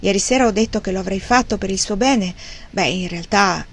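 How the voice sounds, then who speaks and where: A woman reading the lines of a wry, grieving old gentleman in an audiobook, with a rambling, self-mocking manner. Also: mid-range voice, a little fast, slight background noise, lightly acted.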